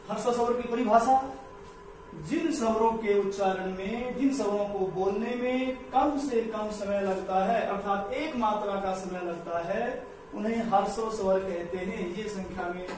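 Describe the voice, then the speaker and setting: Male grammar teacher, very high voice, slow and deliberate, repeats every definition; heavy room echo, mic far off. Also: a little mellow. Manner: repeats each definition slowly, step by step. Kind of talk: slow explanatory lesson. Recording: echoey room, mic far off, faint noise.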